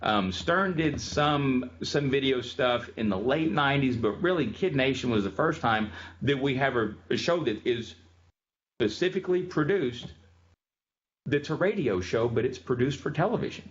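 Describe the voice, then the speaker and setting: A man's voice: medium pitch, lively intonation, normal speed. Chatty male lecturer, slightly muffled. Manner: chatty, storytelling, frequent ums. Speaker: music history lecturer. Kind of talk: casual classroom lecture. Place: classroom.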